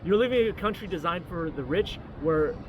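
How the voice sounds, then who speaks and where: A man hosting a casual discussion, relaxed and encouraging, often answering with a quick yeah. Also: high voice, dull audio. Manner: relaxed, many yeahs and back-channel responses. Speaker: host. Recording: outdoor traffic noise.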